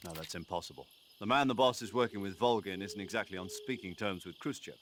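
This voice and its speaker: An actor playing a stern, earnest military commander in a video game, speaking firmly and with authority. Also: male voice, low-pitched, quick pace, a bit bright, a little hiss or hum. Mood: concerned. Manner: firm, urgent, authoritative.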